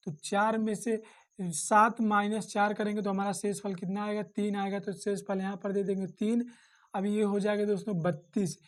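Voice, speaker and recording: A woman teaching a step-by-step maths lesson, talking it through patiently and often calling her viewers friends. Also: mid-range voice. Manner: repetitive, calls listeners "friends" often.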